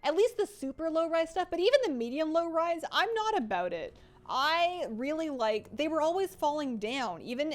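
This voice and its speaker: A woman in her late twenties chatting casually on a live game stream, reading chat and joking about herself. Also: fairly high pitch. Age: 20s. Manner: chatty, self-deprecating, reads chat aloud.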